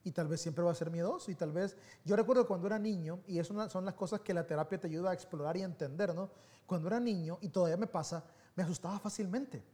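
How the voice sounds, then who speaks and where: A man giving a sermon as pastor, telling personal stories in an animated, conversational way that swings between soft and loud. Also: high voice, quick pace.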